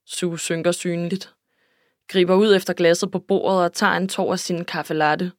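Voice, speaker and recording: A woman's voice: medium pitch, no room sound, clean studio sound. A woman reading a first-person novel aloud in an emotional, intimate way. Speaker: audiobook narrator. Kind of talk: scripted first-person narration.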